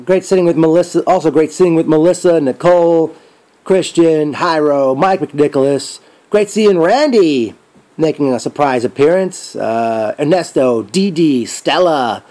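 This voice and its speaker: A man giving a casual spoken event recap as a fan, rambling and thinking aloud with trailing pauses. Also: a little high, mellow.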